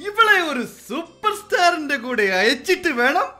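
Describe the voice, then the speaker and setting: A woman's voice: very high voice, big pitch swings, normal speed, sharp tone, heavily acted. A woman voicing a boastful, scheming middle-aged father who brags about his actress daughter, with faint music behind. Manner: bragging, sly, scheming.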